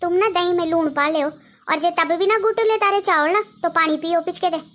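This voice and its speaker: A woman playing a sharp-tongued, lazy sister-in-law who scolds and makes excuses. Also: extremely high pitch, moderate pace. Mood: taunting.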